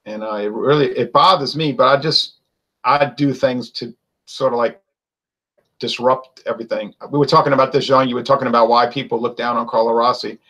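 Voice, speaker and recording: A man's voice: mid-range voice, fairly even intonation, brisk, a bit bright, highs cut off. Rambling, opinionated man in casual chat. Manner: rambling and opinionated, many fillers and restarts. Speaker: wine show co-host.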